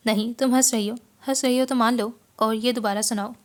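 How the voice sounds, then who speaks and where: A woman's voice: on the high side, steady tone, brisk, natural voice. Woman voicing a teasing young husband. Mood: coaxing, teasing. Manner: playful, coaxing. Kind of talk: audiobook dialogue reading.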